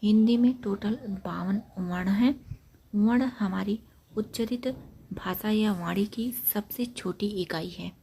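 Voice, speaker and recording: A woman teaching an exam-prep grammar lesson, explaining point by point and repeating key facts, with trailing syllables that drop to a breathy near-whisper. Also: medium pitch, dark tone, a little hiss or hum. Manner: repetitive, explains points step by step.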